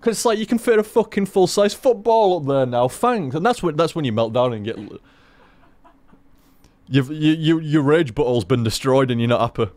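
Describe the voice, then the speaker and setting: A man rambles over gameplay in loose, animated commentary, swearing freely as he goes. His voice sits a bit high and sounds close and dry, with no room around it. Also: normal speed, dry recording. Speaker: gaming commentator.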